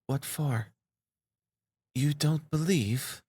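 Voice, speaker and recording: A man's voice: on the low side, slow pace, no echo. A man voicing a timid young woman who stammers and speaks breathlessly, raised well above his own voice. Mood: whispering.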